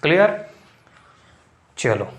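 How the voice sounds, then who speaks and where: Gujarati man teaching in an echoey room. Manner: keeps checking understanding with quick questions. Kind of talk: recorded classroom lecture.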